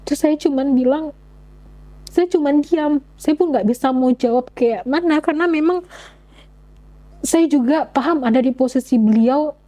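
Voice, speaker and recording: A woman's voice: high voice, moderate pace, dark tone, low-quality recording. A young woman telling her personal story in an interview, speaking earnestly with frequent halts and restarts. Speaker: interview guest.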